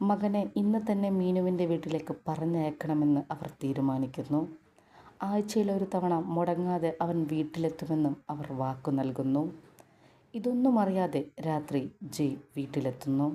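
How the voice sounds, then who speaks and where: A woman narrating an audio story in a calm, low-key way.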